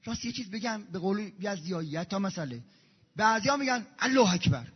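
A man preaching a sermon, moving between quiet recitation of prayers and loud, fervent exhortation. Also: animated, husky. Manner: swings from hushed recitation to loud, high-pitched exhortation. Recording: dull echoey hall recording.

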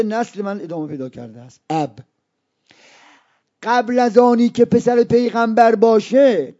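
A male preacher giving a religious lecture to students, explaining slowly and repeating key terms, sometimes dropping to a hush. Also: very high-pitched. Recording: dull lo-fi recording.

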